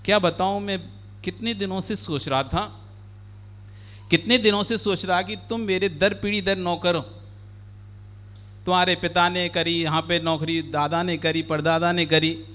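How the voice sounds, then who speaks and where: A man's voice: sits high, fairly even intonation, measured pace, long pauses, a bit bright. A man voicing a wealthy merchant in a sermon story, speaking in a sly, confiding way. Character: wealthy old merchant, brooding and scheming.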